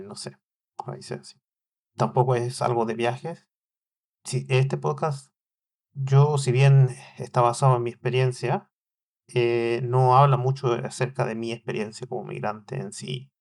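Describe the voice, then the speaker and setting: A man's voice: mid-range voice, a little mellow. A man, hosting a solo podcast in a hesitant way, with many fillers and restarts. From Chile. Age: 40s. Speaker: podcast host.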